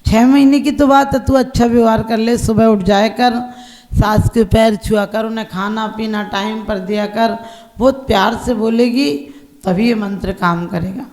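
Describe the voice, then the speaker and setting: A woman voicing a wise father who is a doctor, giving slow, measured advice in a sermon story. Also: a little high, steady tone, a little mellow, reverberant, close to an everyday voice. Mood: calm.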